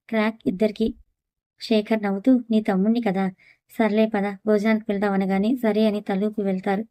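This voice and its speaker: A woman narrating a family audio story, reading every character's lines and the narration in one even voice. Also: mid-range voice, no room sound.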